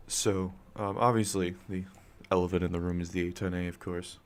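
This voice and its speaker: A young man streaming from home with a raspy morning voice, rambling casually with lots of fillers and swearing, close to a desk mic. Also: low voice. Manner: rambling, loose, swears often, frequent fillers and coughs. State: raspy morning voice, just woke up. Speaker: gaming streamer. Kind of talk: casual live-stream chat. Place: home room, talking quietly since family is asleep. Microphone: desk microphone, close up.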